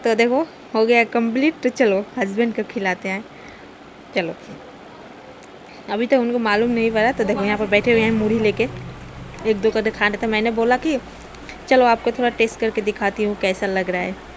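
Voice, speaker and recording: A woman's voice: on the high side, steady tone, moderate pace, pauses often, slight background noise. A young woman, talking through her day and cooking in a casual home vlog, chatty and often laughing. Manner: chatty, laughs while telling. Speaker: vlogger. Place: home kitchen.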